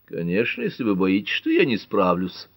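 Male narrator as a dry old judge, low and matter-of-fact, close and dry. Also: huge pitch swings, moderate pace, dry recording, exaggerated voice. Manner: dry, dismissive.

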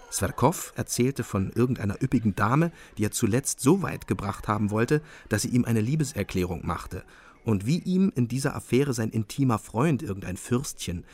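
Husky male narrator, brooding. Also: fairly low pitch. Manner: brooding, bitter first-person storytelling. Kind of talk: radio drama narration.

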